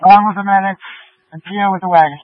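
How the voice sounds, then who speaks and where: A man's voice: high voice, fairly even intonation, fast, no room sound. A male firefighter giving a terse radio update in clipped, direct calls over a two-way radio. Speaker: firefighter on scene. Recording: muffled band-limited fireground radio.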